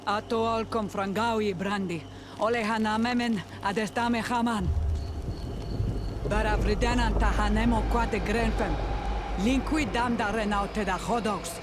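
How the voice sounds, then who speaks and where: Woman acting a slow, solemn seance medium seer. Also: mid-range voice, steady tone, noisy background, natural voice. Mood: solemn, entranced. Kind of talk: video game voice acting. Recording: game music over the voice.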